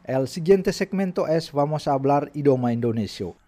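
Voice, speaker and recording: A man's voice: on the high side, expressive, normal speed. A man making a formal, scripted radio station announcement that gives the station's frequency and web address.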